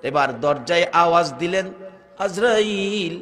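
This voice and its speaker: A man from Bangladesh, preaching a waz sermon in an emotional, sing-song chant that swells into loud cries. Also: sits high, moderate pace. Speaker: Islamic preacher. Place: religious gathering.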